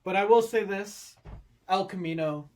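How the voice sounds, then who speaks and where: A man's voice: high-pitched, measured pace, darkish tone. A young man co-hosting a podcast in casual chat, laid-back and often chuckling. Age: young adult. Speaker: podcast co-host.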